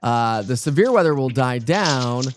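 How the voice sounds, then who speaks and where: A man's voice: medium pitch, expressive, measured pace, noisy background. A man presenting live severe weather coverage off the cuff, talking informally and directly to viewers.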